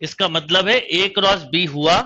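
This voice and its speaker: A man's voice: high voice, steady tone, unhurried, pushed and bright, highs cut off. A man teaching a math lesson online, explaining step by step and quizzing his students as he goes. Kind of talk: online exam-prep lecture.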